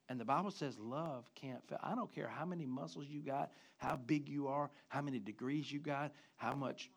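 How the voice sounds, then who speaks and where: A man preaching a sermon, swinging from loud emphatic rises to quiet low drops. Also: gravelly. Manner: preaching with sudden loud rises and soft drops, mimicking guys. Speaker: pastor.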